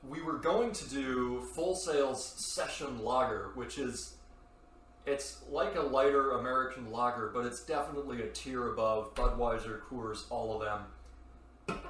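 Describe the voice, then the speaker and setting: A man's voice: medium pitch, unhurried, fairly bright tone, slight background noise. A man hosting a casual beer review podcast, laid-back and rambling, swearing now and then. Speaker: podcast host. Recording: roomy echo, mic at a distance, faint ambience.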